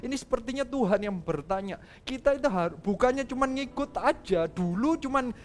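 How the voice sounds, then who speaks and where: A male pastor telling a story in a sermon, lively and casual, acting out quoted lines and dropping in English phrases. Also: very high voice, brisk, faint music behind.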